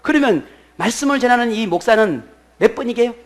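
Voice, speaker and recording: A pastor preaching a sermon in a church. He is animated, swings between loud bursts and soft asides, and keeps asking the congregation questions that he then answers himself. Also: very high-pitched, a little fast, a little hiss or hum.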